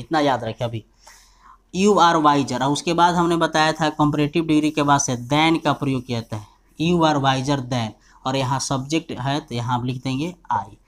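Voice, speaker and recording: Patient male teacher explaining grammar rules. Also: fairly high pitch. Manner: keeps asking if students understood; slows down to dictate example sentences. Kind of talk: grammar lesson explained step by step.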